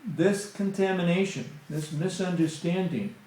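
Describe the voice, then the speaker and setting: Preaching to a congregation in an echoey temple hall, a man gives a spiritual talk as a satsang guest speaker. His high voice has a darkish tone and a measured pace, and he speaks conversationally with lots of fillers like "you know."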